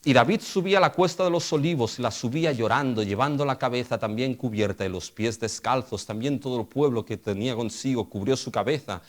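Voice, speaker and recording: A man's voice: medium pitch, fairly quick, few pauses. A middle-aged male pastor delivering a sermon. He keeps asking the congregation rhetorical questions and addressing them as brothers.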